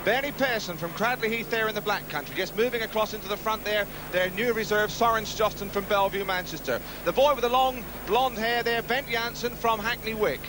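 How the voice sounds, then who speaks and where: A man's voice: high voice, a little fast, few pauses, background noise. A man presenting and commentating on live speedway in punchy, colourful broadcast patter. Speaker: television sports commentator. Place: outdoor stadium commentary position. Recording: 1970s outdoor stadium TV broadcast.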